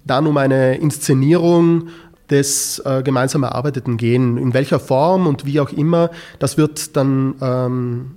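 A man's voice: medium pitch, dark tone. A man from Tyrol, a teacher answering interview questions thoughtfully and hesitantly, with many filler sounds. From South Tyrol. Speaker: teacher in a school project.

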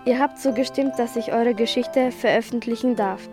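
Smug and insistent, a woman voices a gloating famous author who keeps declaiming repeated phrases in a school radio play. She speaks a little high at normal speed, near her everyday voice, over a music bed.

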